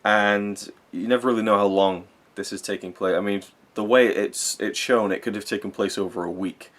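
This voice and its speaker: A man's voice: fairly low pitch, fairly even intonation, moderate pace, a bit bright. A young man giving a casual, rambling, earnest film review, swearing now and then and getting openly emotional.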